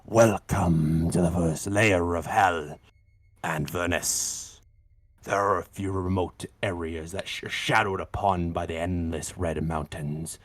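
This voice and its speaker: A man voicing an ominous demonic lore-giver who warns of hell in slow, solemn tabletop game narration with a husky voice. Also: low voice, steady tone, dry recording. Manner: slow solemn dramatic delivery.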